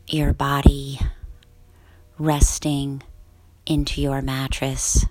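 A woman guiding a sleep meditation in a soft, slow, soothing whisper. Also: extremely low pitch, monotone. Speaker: guided relaxation host.

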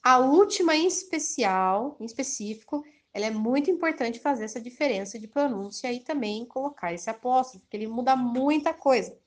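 A woman teaching an English grammar lesson, reading example sentences slowly and then explaining them quickly. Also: fairly high pitch, lively intonation. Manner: switches between slow careful English examples and quick explanations.

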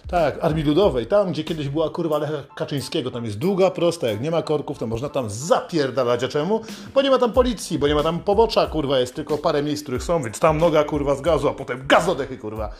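A man's voice: on the high side, lively intonation, fast talker, few pauses. A man delivering a satirical comedic rant in a swaggering, foul-mouthed manner.

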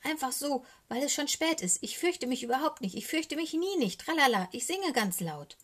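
Brief: cheeky, jumpy little raven in a storybook, high squeaky voice, big swings in pitch, slightly breathy, as a woman reads it. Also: sing-song, normal speed, exaggerated voice. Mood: nervous. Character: cheeky small boy raven, bold yet easily scared. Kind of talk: storybook reading.

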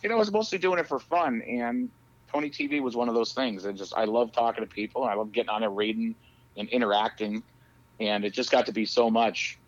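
This podcast guest, calling in by phone, talks fast in a medium-pitched voice. He meanders through casual conversation, laughing often and leaning on fillers, with the audio muffled and low quality.

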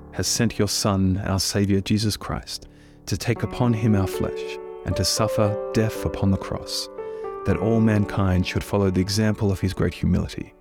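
A low, gravelly male voice, made hoarse by a head cold, leads liturgical prayer and spoken reflection with earnest, unhurried care. He is a church minister hosting a prayer podcast, and soft instrumental music plays faintly in the background.

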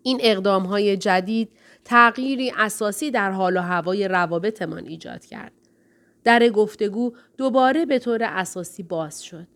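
A woman's voice: mid-range voice, fairly bright tone. Woman reading a first-person audiobook. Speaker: audiobook narrator. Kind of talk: scripted first-person narration.

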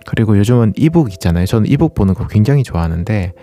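A man's voice: on the low side, animated, racing, mellow. A man hosting a running talk, speaking casually and politely as he explains things to listeners and puts questions to them. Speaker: running channel host.

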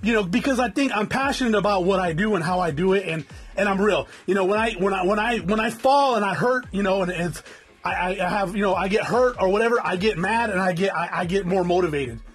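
A man's voice: high voice, fast, breathy edge, soft background music. A man in his forties from Southern California, hosting his own podcast in an unscripted, rambling talk with a stuffy nose, repeating words and cussing freely. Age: 40s. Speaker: podcast host. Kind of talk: casual unscripted podcast monologue. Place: home in the desert.

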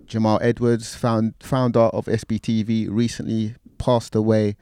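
A man's voice: fairly low pitch, little pitch movement, moderate pace, dark tone, clear, resonant tone, dry recording, studio quality. A man interviewing casually, with laid-back street slang.

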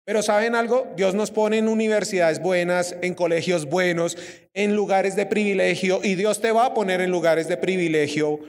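A young Colombian preacher with a high voice gives a lively sermon, keeps questioning his congregation. His voice rings through a hall with a long reverb. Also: normal speed. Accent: Colombian Spanish. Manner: lively, asks the audience questions.

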